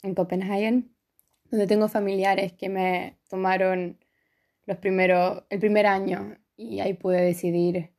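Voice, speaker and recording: A young woman from Chile with a Chilean accent, a podcast guest telling her story in a relaxed way and laughing easily. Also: mid-range voice, unhurried. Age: young adult. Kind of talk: casual interview chat.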